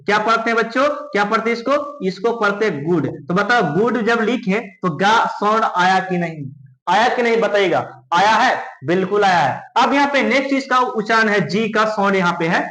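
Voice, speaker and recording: A man's voice: sits high, moderate pace, pushed and bright, roomy sound, poor audio. A male teacher from India, giving a pronunciation lesson in Hindi and quizzing his students with repeated questions. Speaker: English teacher.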